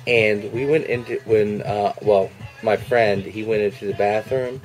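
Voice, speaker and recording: A young man making a prank call in a casual, halting, earnest-sounding way, recorded on a webcam in a room at home. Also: on the low side, faint music behind, low-quality recording. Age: young adult. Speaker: prank caller. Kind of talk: casual phone conversation. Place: small room indoors at home. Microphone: webcam at arm's length.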